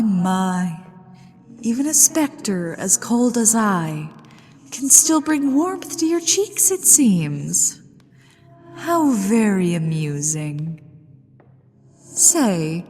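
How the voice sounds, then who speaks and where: A woman's voice: medium pitch, darkish tone. A woman playing a flirtatious, mischievous, genteel ghost lady of a haunted manor in an ASMR roleplay, with a coy, aristocratic, teasing delivery. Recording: long echoing reverb with music behind. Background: music.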